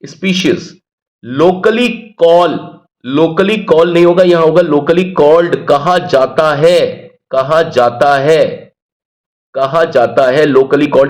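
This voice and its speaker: A man's voice: on the high side, a little mellow. A man teaching English grammar, who explains patiently, repeats key words and answers his own questions. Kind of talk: Hindi-medium English grammar lesson.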